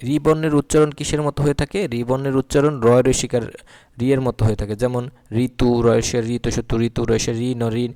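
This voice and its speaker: A man's voice: medium pitch, dark tone. A man teaching an exam-prep grammar lesson. He explains step by step, asking questions and answering them himself.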